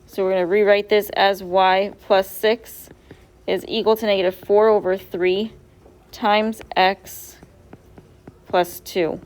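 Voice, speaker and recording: A woman's voice: mid-range voice, little pitch movement, slow pace, a little mellow. A woman teacher going over quiz answers step by step in a classroom, asking her students questions as she goes. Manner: patient, step-by-step, quizzes students. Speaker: math teacher.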